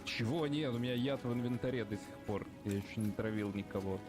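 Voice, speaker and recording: A man's voice: medium pitch, fast, music in the background. A man giving casual, informal commentary while he plays a video game. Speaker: gamer playing through a video game.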